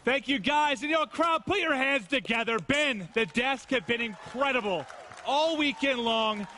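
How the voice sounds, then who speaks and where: A man doing excitable, exclamatory play-by-play commentary as an esports caster. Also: very high-pitched, moderate pace, some chatter behind. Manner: excitable, exclamatory, playful banter. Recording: noisy event ambience behind voice.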